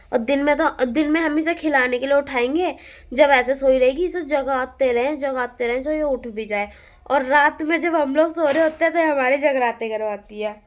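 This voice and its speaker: Chatty young woman vlogging at home. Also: sits high. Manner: chatty, rambling storytelling, coos to a baby in between. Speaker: family vlogger. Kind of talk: casual family vlog chat. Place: family home.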